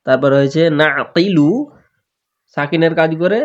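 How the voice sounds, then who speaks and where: Guy teaching recitation rules, kinda high voice, keeps clearing his throat, dull lo-fi sound. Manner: slow, drawn-out recitation of sample words, often clearing his throat. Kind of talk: step-by-step recitation lesson. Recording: dull lo-fi recording.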